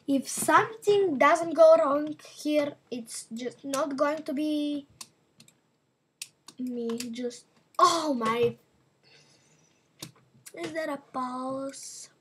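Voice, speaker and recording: A woman's voice: sits high, slight background noise. A woman giving casual, rambling commentary to her viewers while she plays a game. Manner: chatty and rambling, talking to viewers while playing. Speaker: gaming channel host.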